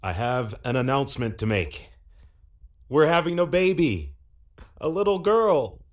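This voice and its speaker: A man playing a family member in a scripted dialogue for an English lesson, speaking clearly and deliberately. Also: medium pitch, sing-song. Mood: happy.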